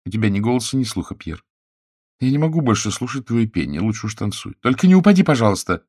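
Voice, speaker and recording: A man's voice: mid-range voice, big pitch swings, quick pace, darkish tone, husky, no room sound, clean studio sound, voice pushed up. A man voicing a beautiful, jealous and bossy alien wife who speaks reproachfully. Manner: reproachful, trembling.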